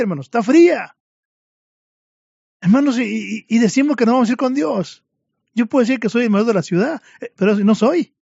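A man's voice: sits high, a little mellow, no echo. A man preaching a fervent sermon to his congregation, addressing them again and again as brothers, in a dull lo-fi recording.

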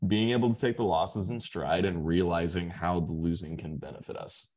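Man, very low voice, casual sports podcast chat, emphatic, repeats himself mid-point. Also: moderate pace, darkish tone. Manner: emphatic, repeats words while building a point. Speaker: podcast co-host.

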